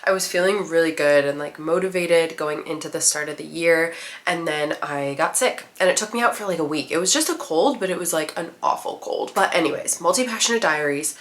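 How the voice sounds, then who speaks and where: A woman's voice: deep voice, brisk, a bit bright. Chatty young woman with a stuffy nose. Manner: upbeat, chatty, many "like" fillers. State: nasal from a cold. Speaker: vlogger. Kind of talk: casual vlog talk to camera.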